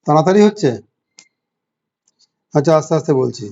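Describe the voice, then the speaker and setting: A man teaching an online exam-prep class with a Bengali accent, explaining step by step and reading questions slowly in English. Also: fairly high pitch, expressive, vocal fry, warm tone. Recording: dull lo-fi audio.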